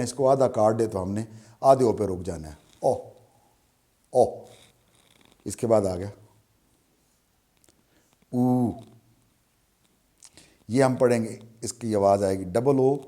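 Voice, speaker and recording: A man with a Pakistani Urdu accent teaching a beginner language lesson, slow and patient, repeating each sound many times. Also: lowish voice, warm tone.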